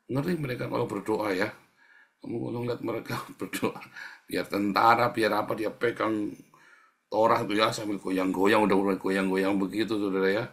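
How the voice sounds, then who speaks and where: A middle-aged male pastor with a fairly low voice preaches in a relaxed, chatty way. He keeps addressing the congregation directly and drops into soft, whispered prayers as he demonstrates them. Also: gravelly. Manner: addresses listeners as "saudara", acts out whispered prayers; casual colloquial Indonesian preaching. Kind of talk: sermon.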